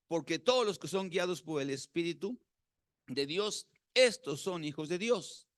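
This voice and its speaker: Mexican pastor preaching, dry sound. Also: male voice, a little high, dry recording. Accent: Mexican Spanish. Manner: conversational, asks the congregation questions. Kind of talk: sermon.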